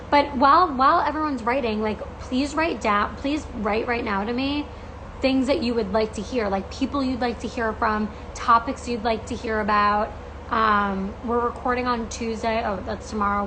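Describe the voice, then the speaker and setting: American woman with creaky vocal fry, noisy livestream. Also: on the high side. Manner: gushing, emphatic, slangy with frequent "like". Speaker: podcast host and coach. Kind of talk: casual livestream chat to fans.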